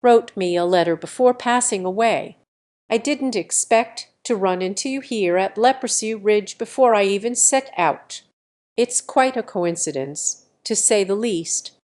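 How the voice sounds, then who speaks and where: A woman reading the lines of a sly, scolding old male country healer in an audio story, with a gruff, teasing manner. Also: mid-range voice, unhurried, darkish tone, natural voice.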